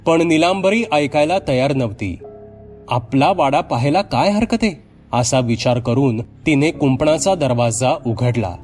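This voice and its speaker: Male narrator for an audio horror tale, mid pitch, measured and suspenseful, soft music underneath. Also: animated. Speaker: storyteller.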